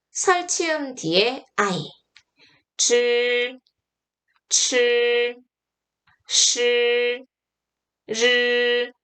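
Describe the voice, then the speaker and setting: A woman's voice: a little high, a bit bright. A young woman teaching pronunciation in an online lesson, drilling syllables one by one and correcting mistakes emphatically.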